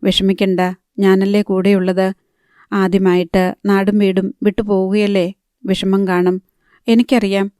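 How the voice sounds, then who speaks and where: A woman's voice: mid-range voice, flat delivery, unhurried, long pauses, warm tone, clear, resonant tone, dry recording, studio quality, lightly acted. A woman narrator voicing an attentive young man who reassures a girl traveling with him, in an audiobook. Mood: reassuring. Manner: soothing, reassuring.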